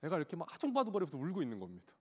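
A man in his thirties preaches to his congregation in a lively voice that rises and falls. He tells a personal story with a storyteller's flair. His voice sits a little high and rings with a long reverb from a large hall. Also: very fast, husky. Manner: storytelling, animated, acts out his child's cries. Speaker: pastor.

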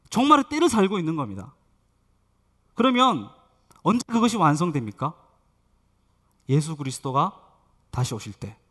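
A middle-aged male pastor delivers a sermon in a high, very lively voice. He tells stories with animation and asks the congregation questions.

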